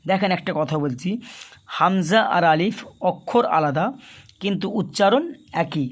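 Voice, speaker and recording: A man's voice: high voice, lively intonation, moderate pace. A man teaching Quran reading, patiently chanting letter drills and explaining each step to his viewers. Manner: addresses viewers as dear friends, asks and answers their questions.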